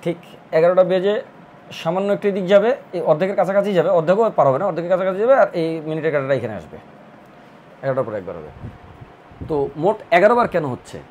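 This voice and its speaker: A man's voice: high-pitched, big pitch swings, very fast, a little mellow, dull audio, slight background noise. A man teaching a recorded math lesson, explaining step by step and repeating counts in rhythmic lists. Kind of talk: online admission-prep math lesson.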